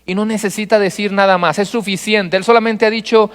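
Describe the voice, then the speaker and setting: A man's voice: high voice, fairly even intonation, brisk, clean tone. A man from Mexico, a pastor giving an expository sermon in a church, methodically repeating his points and asking the congregation questions. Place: church sanctuary. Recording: long reverb of a church hall.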